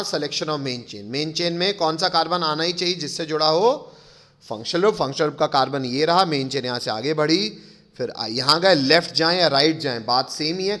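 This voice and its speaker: A man's voice: a little high, fairly bright tone. A man teaching a chemistry lecture, explaining step by step, calling his pupils kids and often checking whether they follow. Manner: addresses pupils affectionately as kids.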